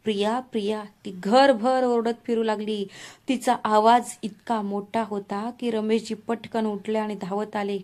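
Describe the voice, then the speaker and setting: A woman narrating a scripted family drama in a steady, dramatic storytelling manner. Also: mid-range voice, measured pace.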